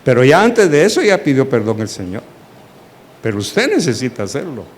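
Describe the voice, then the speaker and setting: Teaching a Bible study sermon, a pastor animatedly asks his congregation questions and acts out dialogue. His voice is medium-pitched at a moderate pace, with a little hiss or hum on the recording.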